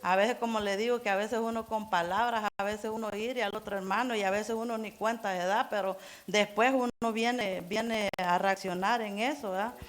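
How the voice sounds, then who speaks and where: A middle-aged woman giving an informal church sermon in an earnest, halting way, restarting phrases and repeating words as she goes. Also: mid-range voice, steady tone. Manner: keeps urging listeners to imagine. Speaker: church member preaching.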